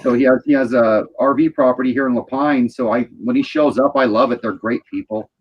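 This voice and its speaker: A slightly dull, lo-fi recording of a man at a middle pitch. He chats casually on a live stream with a wry, joking manner. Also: fairly even intonation, brisk, husky. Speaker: livestream participant.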